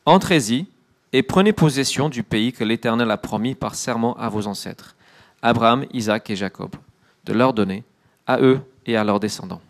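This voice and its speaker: A man interpreting a sermon line by line and reading scripture, quick and fluent. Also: mid-range voice. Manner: quick, fluent rendering with brief fillers.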